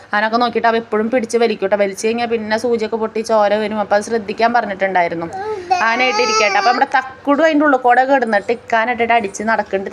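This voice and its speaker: A woman from the tells her family's day in a chatty voice-over. She talks quickly and her voice sits a little high. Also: lo-fi sound. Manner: chatty, tells the story step by step. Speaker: family vlogger. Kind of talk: casual voice-over narration.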